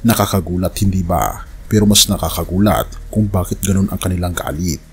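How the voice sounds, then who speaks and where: A man's voice: sits low, a little fast, darkish tone. A man giving scripted narration of news with preaching, earnestly addressing the listener as a friend. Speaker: religious news commentary narrator.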